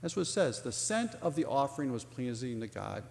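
A man's voice: medium pitch, very animated, brisk, gravelly. A male pastor preaching a sermon, telling a story and voicing its people in a livelier tone. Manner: storytelling, acts out dialogue in a raised voice. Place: church sanctuary. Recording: long church reverb.

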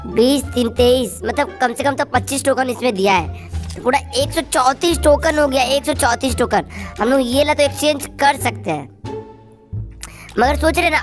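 A gaming video host, a woman, speaks through a voice changer that raises her pitch. She gives casual gameplay commentary, chatty and repeating phrases, with music playing in the background.

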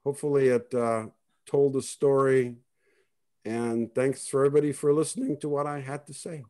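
A man's voice: mid-range voice, fairly even intonation, normal speed, dark tone, clear, resonant tone. A man from Israel, giving a rambling, conversational family history talk on a video call. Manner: rambling, conversational, many restarts. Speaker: presenter.

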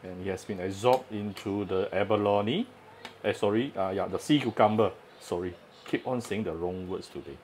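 A lower-voiced man talks through a home cooking demonstration in a relaxed, chatty way, often pausing on "uh" as he explains each step. Faint kitchen clatter of pans and utensils runs underneath his voice. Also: a little hiss or hum. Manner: chatty, hesitant with frequent "uh" fillers. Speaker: home cooking channel host.

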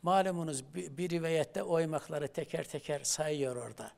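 A middle-aged male professor speaks in a gravelly, slightly high voice. He tells scripture stories on a studio talk show and breaks into recited Arabic verses with animated emphasis. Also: moderate pace. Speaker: professor of theology, guest.

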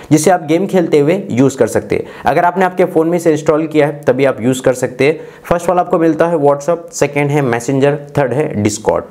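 With a slightly high, darkish voice, an Indian-accented man in his twenties hosts a tech channel and presents a phone feature walkthrough. It sounds scripted as he goes step by step, sprinkling in English technical terms.

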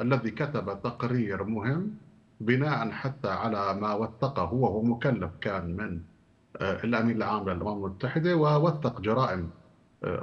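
A man, a human rights adviser guest on a news panel, explaining his points in a measured, steady way. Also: mid-range voice, muffled recording. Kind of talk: analytical commentary.

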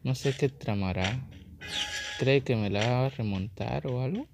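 A man's voice: medium pitch, unhurried, vocal fry, noisy background. A man giving casual gameplay commentary as a gaming YouTuber, taunting opponents and repeating his phrases.

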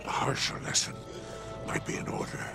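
An actor playing a sly, menacing alien crime boss in a video game, mock-friendly and theatrical, with a gravelly growl. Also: male voice, normal speed, lightly acted. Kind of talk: video game character acting. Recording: game music under the voice.

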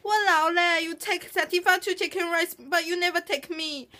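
A woman's voice: very high voice, fairly even intonation, normal speed, bright, forceful tone, slight background noise, pitched above the performer's own voice. A woman acting out pushy, exasperated Singaporean locals in comic skits, speaking exclamatory Singlish with a Singaporean accent. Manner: Singlish, exclamatory with lah and leh particles. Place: cluttered room indoors.

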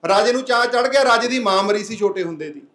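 Man, very high voice, earnest public speech, rhetorical questions to the crowd, echoey PA sound. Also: lively intonation, fast talker, fairly bright tone. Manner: earnest, plain-spoken exhorting. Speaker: speaker at a public anti-drug meeting. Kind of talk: public speech with a folk parable.

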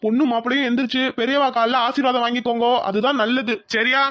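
A voice actor playing a calm, patient temple priest in a cartoon, chanting formally. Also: medium pitch, fast talker, dry recording, muffled recording, close to an everyday voice. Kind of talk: Tamil cartoon voice acting.

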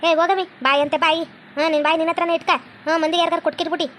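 Woman doing a cartoon mother-in-law, North Karnataka accent, very high, rattles off scolding fast, faint noise behind. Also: flat delivery, a bit bright. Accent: North Karnataka Kannada. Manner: scolding, rapid-fire bossy. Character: bossy scolding mother-in-law, middle-aged. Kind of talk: cartoon comedy voice acting.

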